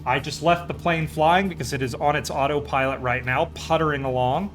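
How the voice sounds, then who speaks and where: A man's voice: fairly high pitch, fairly even intonation, a little fast, faint music behind. A man chatting casually as a live streamer during a flight game, rambling along in an easygoing, enthusiastic way. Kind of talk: casual chat while playing a flight simulator.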